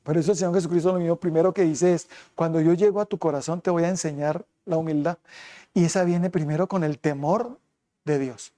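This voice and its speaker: Mellow-voiced man preaching a sermon. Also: on the high side, fairly even intonation, fairly quick. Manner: preaching with rhetorical questions. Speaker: pastor.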